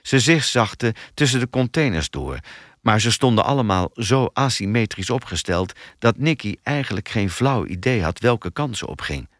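Man reading a thriller aloud, expressive. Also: fairly low pitch, normal speed, dry recording, clean studio sound. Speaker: narrator. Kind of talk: audiobook thriller narration.

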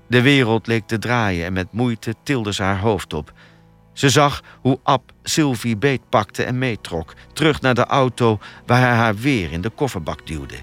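A man narrating an audiobook thriller in a steady, expressive storytelling manner. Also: on the low side.

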